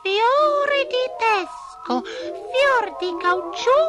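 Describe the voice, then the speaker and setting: A woman's voice: very high-pitched, expressive, drawn-out words, over loud music, voice pushed up, full character voice. A woman voicing a cranky little female magic spider who shrieks, grumbles and stammers. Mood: chanting spells.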